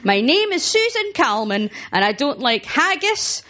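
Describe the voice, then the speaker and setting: A woman's voice: sits high, sing-song, unhurried, pushed and bright. A Scottish woman performing a self-mocking stand-up comedy set, laughing at her own punchlines. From Scotland. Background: audience laughter.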